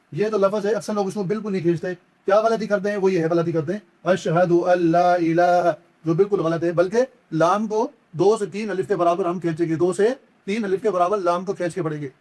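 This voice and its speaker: A man teaching correct pronunciation in a religious lesson. He explains each mistake patiently and repetitively, then chants the words slowly and stretches them out. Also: high voice, darkish tone. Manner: corrects errors, then demonstrates slow, drawn-out chanted recitation. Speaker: Quran recitation teacher.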